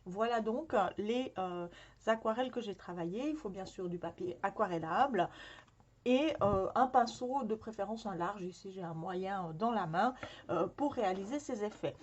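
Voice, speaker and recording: A woman with a mid-range voice and moderate pace hosts a scrapbooking workshop, showing off supplies in a friendly, casual product demonstration. She hesitates often with "euh," and the slightly dull lo-fi recording has a little hiss or hum.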